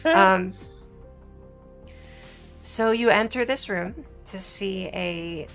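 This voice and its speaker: A woman's voice: medium pitch, drawn-out words, fairly bright tone, faint music behind. A woman running a tabletop game as game master, describing scenes in an easygoing way with fillers.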